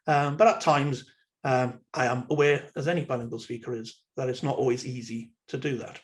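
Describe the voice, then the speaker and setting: A Welsh man from Wales whose first language is Welsh gives an online university lecture, measured and thoughtful with frequent ums and uhs. His voice is medium-pitched with fairly even intonation, recorded on a computer microphone.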